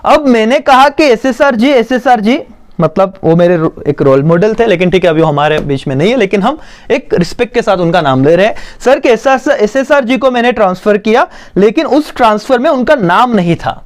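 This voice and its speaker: Animated, high-voiced male teacher. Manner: dictates slowly, then explains in fast Hindi. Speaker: commerce teacher. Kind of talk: exam-prep lecture.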